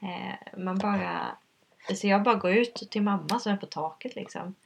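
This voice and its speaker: A woman's voice: medium pitch, gravelly, a little hiss or hum. A woman telling a personal story in conversation, hesitant and earnest, with many fillers. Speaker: guest.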